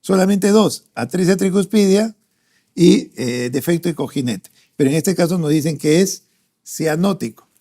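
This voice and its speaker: A Peruvian Spanish–accented male doctor lectures on pediatric cardiology for exam preparation, working questions through aloud and often inserting "¿no?" and "este." His slightly high, warm voice is expressive and moves at normal speed.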